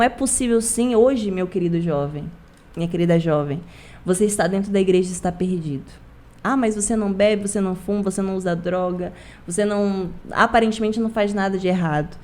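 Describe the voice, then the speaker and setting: A woman's voice: medium pitch, a little mellow. A young adult woman from Rondônia sharing an emphatic personal faith testimony as a guest, repeating phrases for stress. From Rondônia, Brazil. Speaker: guest, youth church leader.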